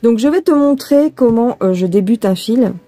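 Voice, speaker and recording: A woman's voice: on the high side, animated, normal speed, dark tone, faint music behind. A woman casually explaining cross-stitch while she works, chatting and thinking aloud to the viewer. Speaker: cross-stitch tutorial host. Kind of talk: casual hands-on embroidery tutorial. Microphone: phone filming her hands.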